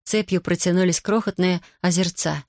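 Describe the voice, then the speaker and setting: A man narrating an audiobook in a measured, even reading style. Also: high-pitched, dry recording, clean studio sound.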